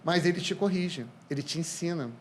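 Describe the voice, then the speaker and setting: A Brazilian man, a podcast guest, telling lively anecdotes in casual conversation. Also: fairly high pitch, a little fast, slight background noise. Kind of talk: casual storytelling.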